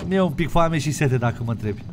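Romanian-accented man, game roleplay, lively up-and-down delivery, cheeky pleading. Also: a little high, a little hiss or hum. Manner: cheeky, joking and pleading under threat. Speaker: streamer playing a roleplay game. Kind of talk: in-character roleplay banter.

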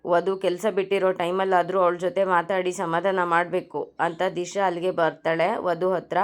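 A woman narrating a television serial recap with a clear, smooth voice. She retells the events steadily and slips into the characters' lines as she goes. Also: on the low side, normal speed. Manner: steady retelling, acts out dialogue.

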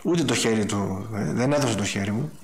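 A man preaching a sermon, telling stories and acting out the dialogue in a raised, animated voice. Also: lowish voice.

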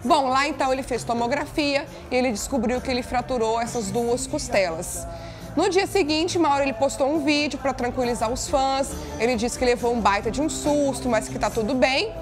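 A woman's voice: high-pitched, moderate pace, over music. A woman in her thirties from Minas Gerais, chatty and exclamatory, presenting a gossip segment in a TV studio. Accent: Brazilian Portuguese, Minas Gerais. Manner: chatty, exclamatory, addresses viewers as "gente". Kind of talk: lively TV studio chat.

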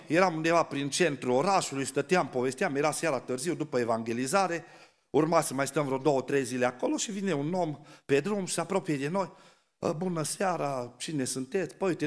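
A man from Romania preaching a sermon in a church, animated, acting out the people he quotes. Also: on the high side. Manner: animated, acts out quoted voices.

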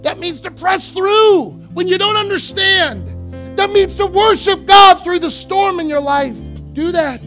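A male pastor preaching a sermon in a church, repeating phrases for emphasis and swinging from quiet asides to loud exhortation. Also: extremely high pitch, animated, a little slow, soft background music. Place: church sanctuary.

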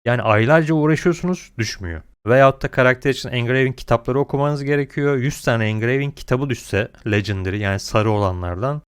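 Male gaming creator, mid-pitched and clean-toned, blunt and opinionated, slangy complaints. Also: clean tone. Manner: blunt, complaining, uses slang and mild swearing.

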